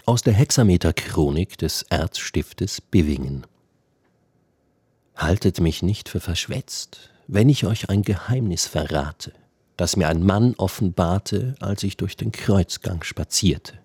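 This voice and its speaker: A man giving a measured, solemn scripted narration of verse. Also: deep voice, animated, darkish tone, slightly rough, no room sound, studio quality.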